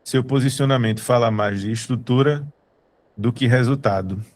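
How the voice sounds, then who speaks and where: This studio co-founder, Brazilian and from Recife, addresses an online meeting head-on in a relaxed yet forceful manner, circling back to his points. His medium-pitched voice moves at a moderate pace.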